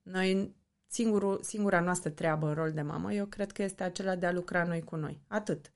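A woman's voice: lowish voice, steady tone. A woman from Romania, a mother, talking earnestly and reflectively as an interview guest. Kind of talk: candid interview talk.

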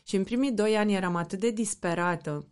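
A woman's voice: mid-range voice, darkish tone. A woman from Romania, a mother, talking earnestly and reflectively as an interview guest. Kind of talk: candid interview talk.

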